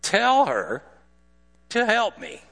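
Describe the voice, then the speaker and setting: A man's voice: medium pitch, very animated, measured pace, a bit bright, big-room sound. A man voicing a harried, frustrated woman who is stuck doing all the work and complains about it with exasperation. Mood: exasperated.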